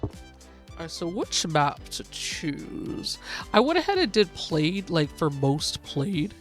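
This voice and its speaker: Lively excitable woman streamer. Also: on the low side, slow pace, soft background music. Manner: excitable, calls the race like a sportscaster. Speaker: livestream host. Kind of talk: live gaming stream commentary.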